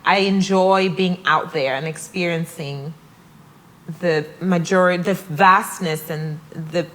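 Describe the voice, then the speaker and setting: A woman's voice: lowish voice, steady tone, slow pace, a bit bright, low-quality recording. A young woman from Malawi, speaking reflectively as an interview guest. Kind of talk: casual interview conversation.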